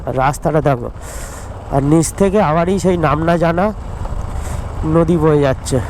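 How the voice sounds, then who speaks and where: A Bengali-accented man narrates a casual travel vlog outdoors, pointing things out to his viewers and tripping over words now and then. His voice sits high for a man. Faint road and engine noise hums behind him, picked up by an action camera on his helmet. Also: normal speed, darkish tone, poor audio. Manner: chatty, points things out to viewers, stumbles and restarts. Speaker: travel vlogger. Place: outdoors, riding a motorbike on country roads and climbing steps.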